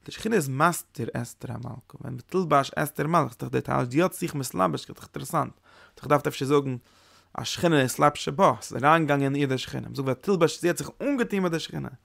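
A man giving a Kabbalah lesson as a Torah teacher, speaking haltingly and often repeating words and restarting phrases. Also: medium pitch, gravelly, fairly bright tone, dry recording, clean studio sound.

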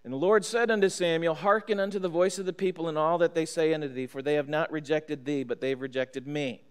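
A man's voice: a little high, fairly even intonation, quick pace, clear, resonant tone. A middle-aged American man, a pastor, teaching a Bible study lesson from the pulpit and checking in with his listeners. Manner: teacherly, checks in with listeners, reads scripture aloud. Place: church sanctuary at a pulpit. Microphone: stand mic on pulpit, far camera. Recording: long church hall reverb.

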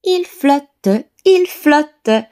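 A woman voicing an excited little boy in a bedtime story. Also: a little high, measured pace, pitched above the performer's own voice, close to an everyday voice. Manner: excited and bouncy.

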